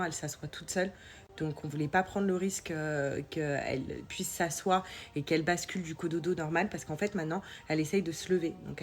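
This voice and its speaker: Young mum vlogger, female, low register, blocked nose and sore throat, loose colloquial delivery. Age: young adult. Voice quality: congested, nasal, sore-throated. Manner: informal, colloquial, hesitant. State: coming down with a cold, sore throat. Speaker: mother vlogging about family life. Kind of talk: casual chat to followers.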